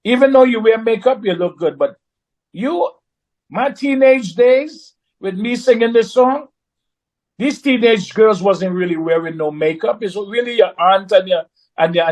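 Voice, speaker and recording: A middle-aged man, a recording artist, telling a story in a casual, animated way and acting out the lines of the people in it. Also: sits high, low-quality recording. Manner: animated, acts out dialogue in quoted voices.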